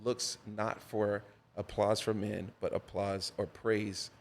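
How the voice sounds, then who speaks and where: A man on the low side speaks slowly as a guest on a podcast, where he's a pastor recounting personal stories. He tells them in an animated way, with a preacher's rhythm and repeated phrases for emphasis.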